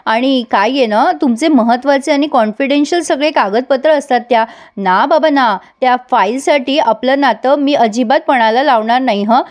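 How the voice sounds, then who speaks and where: Brief: woman reading a coaxing, scheming young woman, high voice. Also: normal speed, few pauses, natural voice.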